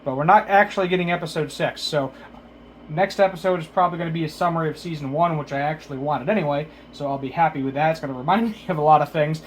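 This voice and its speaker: Man, slightly higher-pitched, mouth numb from dental work, slight slur, casual hesitant recap, self-correcting, some background noise. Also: quick pace. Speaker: video reviewer. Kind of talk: casual unscripted episode recap.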